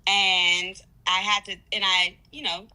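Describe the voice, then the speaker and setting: A woman's voice: medium pitch, level tone, a little slow, sharp tone, smooth, rough recording. A woman in her thirties, a DJ, chatting casually over a phone on speakerphone, loose and searching for words. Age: 30s. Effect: heard over a phone on speakerphone. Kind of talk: casual chat.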